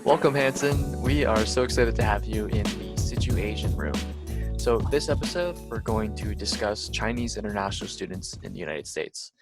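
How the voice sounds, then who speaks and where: A man's voice: on the low side, lively intonation, normal speed, over loud music. A young man co-hosting a casual podcast, talking earnestly with many restarts. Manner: earnest, full of "you know" restarts. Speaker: podcast co-host.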